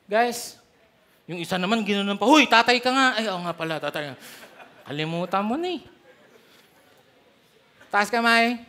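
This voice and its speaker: Animated Filipino pastor preaching. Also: male voice, high voice, measured pace, pauses often. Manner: animated storytelling, switching between Tagalog and English. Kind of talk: sermon.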